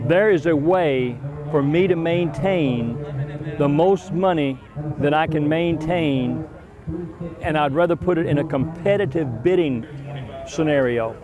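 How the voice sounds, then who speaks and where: An American man in his sixties explaining his trade in an interview. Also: fairly high pitch. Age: 60s. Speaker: auction professional. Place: outside an event tent. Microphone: lapel. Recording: outdoor interview with crowd behind.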